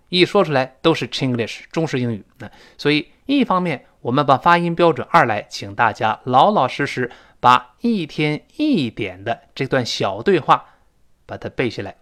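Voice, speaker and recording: A man teaching spoken English, explaining phrases in a lively way and reading English lines slowly and clearly. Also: medium pitch.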